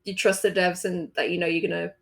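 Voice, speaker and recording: Gravelly-voiced woman co-hosting. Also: on the low side, flat delivery, quick pace. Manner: reads store blurbs, hesitant, laughs softly. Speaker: podcast co-host. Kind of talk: casual podcast chat.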